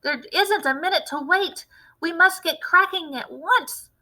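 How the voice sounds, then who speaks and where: Lady doing a super excited storybook farmer dad, bossy and impatient, high bright voice, punches every phrase. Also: measured pace, heavily acted, poor audio. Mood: excited, urgent. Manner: exclamatory, bossy, emphatic. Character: wildly excited, impatient, domineering farmer father, adult man. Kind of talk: storybook character read-aloud.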